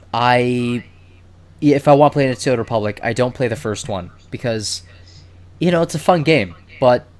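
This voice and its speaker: Rambling man chatting on a voice call. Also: medium pitch. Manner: rambling, enthusiastic, swears casually. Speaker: podcast host. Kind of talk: casual chat. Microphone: computer mic on a voice call.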